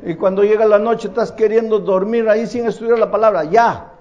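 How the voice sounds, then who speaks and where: A man's voice: high voice, fairly even intonation, fairly quick, darkish tone, dull audio. A man preaching a sermon as a pastor, telling stories and asking the congregation rhetorical questions.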